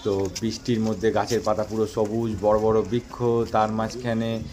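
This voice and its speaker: A man's voice: fairly low pitch, flat delivery, moderate pace, a little mellow. A man from Kolkata, casually narrating a travel vlog outdoors in a rainy forest on a phone held out, chatty and admiring as he describes the scenery. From Kolkata, India. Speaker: travel vlogger. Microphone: phone held up at arm's length. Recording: noisy outdoor phone recording.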